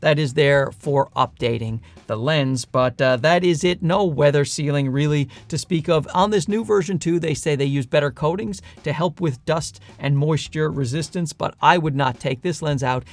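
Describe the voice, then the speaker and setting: A man's voice: fairly high pitch, normal speed, hardly any pauses. Leprechaun-voiced man reviewing gear. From Newfoundland, Canada. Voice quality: light, leprechaun-like voice. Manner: chatty, enthusiastic, with dry self-deprecating asides. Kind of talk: casual product review to camera.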